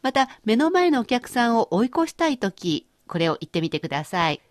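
A woman hosting a radio language lesson, explaining phrases clearly and chatting with her co-teacher. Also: fairly high pitch, sing-song, fairly quick, no echo, clean studio sound. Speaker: language course host.

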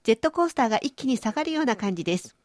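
A woman's voice: fairly high pitch, animated, very fast, no room sound, clean studio sound. A woman hosting a language lesson, explaining pronunciation with playful everyday images. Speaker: language teacher and host. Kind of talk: radio-style language lesson.

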